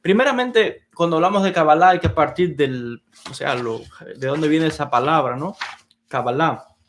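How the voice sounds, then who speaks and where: A man with a slightly high voice gives a beginner's lesson on Kabbalah. He talks in a measured, step-by-step way, circling back to key words as he points things out on a whiteboard. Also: a bit bright, slight background noise. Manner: unhurried, explains step by step, repeats key words. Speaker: Kabbalah teacher. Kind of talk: explanatory lecture on Kabbalah. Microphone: teaching at a whiteboard.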